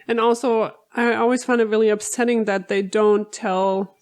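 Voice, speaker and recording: A woman's voice: fairly high pitch, steady tone, moderate pace, a little mellow. A woman from Europe co-hosting a podcast, chatting casually and laughing easily. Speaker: podcast co-host. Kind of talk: casual chat.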